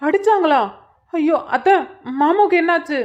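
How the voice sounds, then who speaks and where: A fretful young cartoon man, voiced by a woman who fires off rushed, worried questions. The voice sits high for a man. It comes through a dull, lo-fi recording. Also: lightly acted.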